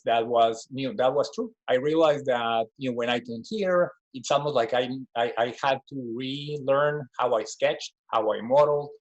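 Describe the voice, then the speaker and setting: A Guatemalan man in his forties, a design professor, gives a reflective personal talk in a medium-pitched voice. His speech is full of "you know" fillers and restarts, and the audio sounds dull.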